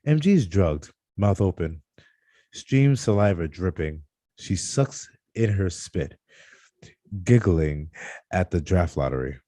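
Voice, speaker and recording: Slow and lively in intonation, a man with a low, dark voice reads a screenplay's stage directions live at a table read. He occasionally trips on a word and fixes it, captured in a dry recording.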